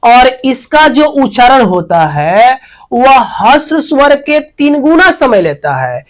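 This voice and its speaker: Speaking slowly in a high, very animated voice, a teacher leads a grammar lesson aimed at exams next to a teaching board. They ask questions, answer them, and repeat important terms, all captured in poor audio.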